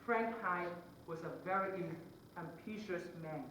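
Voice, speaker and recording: A young man from Vietnam, giving an earnest, halting closing argument to a jury in a mock trial. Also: sits high, sharp tone, a little hiss or hum. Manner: earnest, halting, with many pauses between phrases. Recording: echoey room, voice far from the mic.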